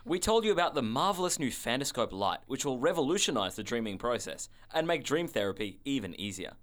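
A man's voice: mid-range voice, sing-song, a little fast, fairly bright tone. A man playing a smug, pompous doctor who co-hosts a parody radio variety show in a polished presenter manner. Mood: smug, upbeat.

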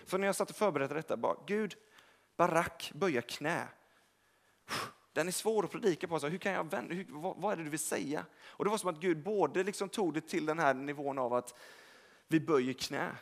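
A man's voice: on the high side, gravelly. A young man giving a casual, rambling sermon in a church, speaking directly to the congregation and correcting himself as he goes. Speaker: preacher. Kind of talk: informal sermon. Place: church service hall.

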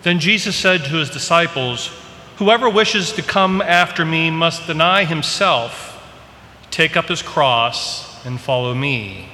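A man's voice: a little high, expressive, a little slow, sharp tone. A man speaking as a priest, reading scripture and preaching at Mass, his voice carried in a cathedral-like echo. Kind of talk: Gospel reading and homily at Mass. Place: large reverberant church. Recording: long cathedral-like echo, background noise.

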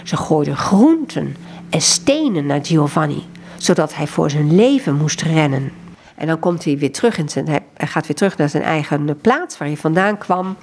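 A woman's voice: moderate pace, slight background noise. A woman, country coordinator of a prayer group, reads a story aloud expressively and then talks about books, hesitating often when speaking freely. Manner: reads expressively, lively pitch in quoted lines.

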